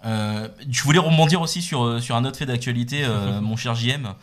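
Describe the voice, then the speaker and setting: A man co-hosting a podcast in casual chat, halting and repeating words with many fillers. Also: mid-range voice. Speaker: podcast co-host.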